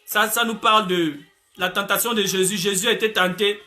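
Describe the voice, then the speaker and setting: A man's voice: high-pitched, steady tone, fairly quick, bright, forceful tone. A man preaching a sermon as pastor, from Gabon, dropping frequent hallelujahs as he talks. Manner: preaching, peppered with frequent "alléluia" interjections. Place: church in the United States.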